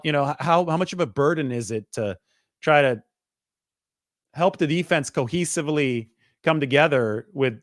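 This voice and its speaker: Here a man talks through sports stats in a fast, conversational style, stat-heavy throughout. He's a reporter with a medium-pitched voice, captured in a dry, close recording.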